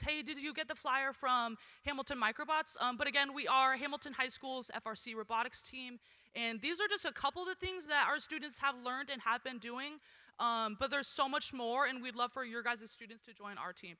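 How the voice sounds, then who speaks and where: A woman's voice: sits high, pushed and bright. A woman speaking as a school robotics team mentor, addressing an audience in hesitant remarks full of fillers.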